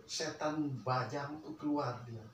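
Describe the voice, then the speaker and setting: An older man tells a family story in casual conversation, his voice swinging from hushed murmurs to loud outbursts. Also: on the high side, measured pace. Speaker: guest recounting a family story. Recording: echoey room, distant mic, faint ambient hiss.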